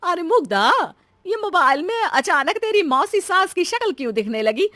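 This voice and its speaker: A woman's voice: very high-pitched, big pitch swings, normal speed, sharp tone, dry recording, heavily acted. A woman voicing a demanding, sly older mother-in-law in a cartoon story, bossy and wheedling. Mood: demanding, baffled.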